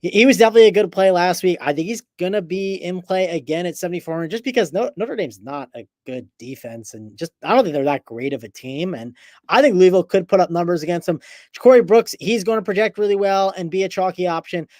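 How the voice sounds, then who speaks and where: A man's voice: high-pitched, animated, fast talker, a little mellow, dry recording, clean studio sound. A man hosting a sports betting show, reading viewer chat and steering the talk between picks. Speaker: show host. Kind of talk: casual podcast chat.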